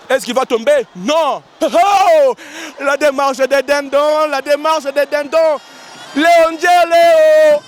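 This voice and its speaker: A man with a hoarse voice, giving live, excitable commentary at an outdoor wrestling gala and often repeating his lines. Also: very high-pitched, slight background noise. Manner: excitable, shouting, repeating phrases. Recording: outdoor event with loud crowd and music.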